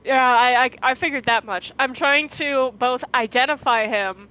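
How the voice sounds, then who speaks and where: A woman with a bright, forceful voice plays in a tabletop game over a voice call. She talks bluntly and drops swear words freely. Her voice comes through dull, lo-fi call audio and sits a bit high. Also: normal speed. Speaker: player.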